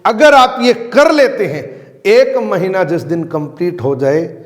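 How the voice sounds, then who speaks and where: A man with a high, bright voice leads a motivational network marketing training. He speaks with emphasis, comes back to his key phrases again and again, and acts out example lines. A long hall reverb trails behind each sentence. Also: slow pace.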